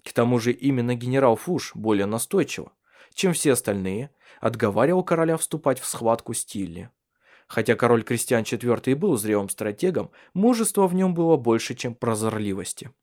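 A man narrating a literary audiobook in measured storytelling. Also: mid-range voice, animated, darkish tone.

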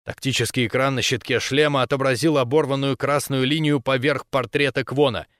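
A man narrating a first-person science fiction story in a steady storytelling manner. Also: mid-range voice, a little fast, dry recording, studio quality. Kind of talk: audiobook narration.

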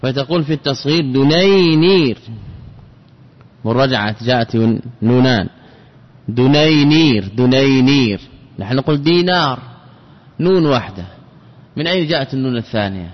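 A man teaching an Arabic grammar lesson, repeating each example word slowly as he explains it. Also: medium pitch, animated. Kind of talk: classroom lesson. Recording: dull lo-fi recording with long hall reverb.

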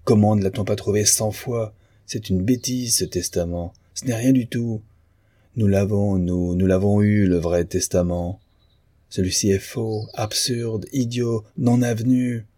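A man's voice: lowish voice, measured pace, mellow, no room sound, clean studio sound, voice pushed up. A man voicing a bitter, mocking male painter in an audiobook of a novel. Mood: scornful. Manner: sneering, sarcastic.

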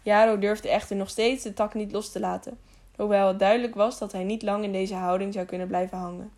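A woman narrating an adventure audiobook in a steady storytelling voice. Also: medium pitch, a little fast. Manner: even storytelling with small slips and restarts. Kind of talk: scripted narration.

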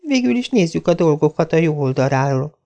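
A man's voice: fairly high pitch, very animated, vocal fry, dark tone, dull audio, voice pushed up. A man reading an audiobook voices a dreamy, dramatic girl of about eleven, speaking in a solemn, theatrical way. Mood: pained.

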